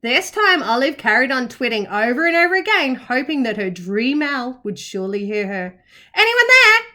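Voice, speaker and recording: A woman reads a children's picture book aloud at a moderate pace. Her high voice is very animated, and she phrases the story with care and expression for young listeners.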